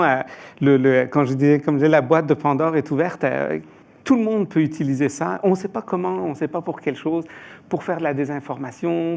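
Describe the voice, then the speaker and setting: A man's voice: fairly high pitch, creaky, a little mellow. A man from Iran answering as an expert panelist, hesitant, with frequent filler sounds and restarts.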